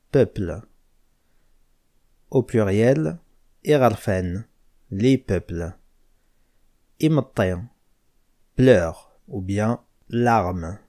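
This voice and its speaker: Slow, deliberate male language teacher. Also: on the low side, dark tone. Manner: slow and deliberate, spells out words and gives word pairs one by one. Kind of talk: slow spelled-out language lesson.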